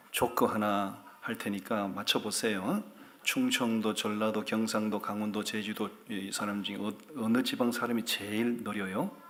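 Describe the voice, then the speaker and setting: A man's voice: lowish voice, a bit bright, slight background noise. A man, a pastor, giving a sermon in a church, telling jokes and asking his congregation questions. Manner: humorous, asks the congregation questions.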